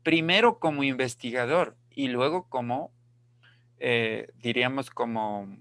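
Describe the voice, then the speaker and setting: A man teaching an online class, explaining slowly and repeating key phrases while checking that students follow. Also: mid-range voice, a bit bright, dry recording. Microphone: video call.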